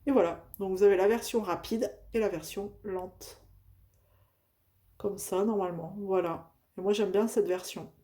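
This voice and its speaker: A woman's voice: mid-range voice, fairly even intonation, normal speed, mellow. A woman with a Northern French accent chatting casually at home while doing a craft project, with many fillers and restarts. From northern France. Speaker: craft vlogger.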